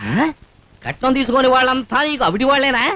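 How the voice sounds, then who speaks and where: A comic marriage broker, very high voice, lively swooping delivery, bright tone, chatty storyteller from an old film. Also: male voice, fairly quick, no room sound, heavily acted. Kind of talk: 1970s film acting.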